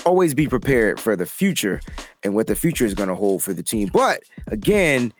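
A man hosting a casual sports talk show, excitable and given to repeating himself. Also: on the low side, normal speed, soft background music. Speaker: podcast host.

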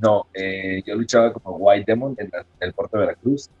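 A man with a Mexican accent, a wrestler guest casually telling an anecdote, animated and often laughing as he acts out the people in it. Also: on the low side, brisk, slightly rough, narrow, tinny audio, soft background music. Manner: lively storyteller who acts out quoted people in a raised voice and laughs often.

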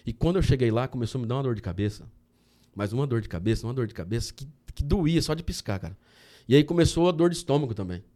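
A man from Brazil, a guest on a podcast, telling a personal story in a casual, animated way and often saying "cara". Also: medium pitch, rapid-fire. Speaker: podcast guest, candy entrepreneur.

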